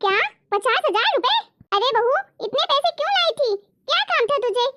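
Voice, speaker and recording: Woman putting on a flustered old mother-in-law, nosy, shrill high voice, full of questions. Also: a little fast, very noisy.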